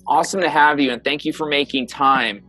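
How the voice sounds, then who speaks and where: Male podcast host, slightly high voice, eager and a bit stumbling, faint music bed. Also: fairly quick, sharp tone, low-quality recording. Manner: enthusiastic, stumbling over words. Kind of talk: podcast introduction.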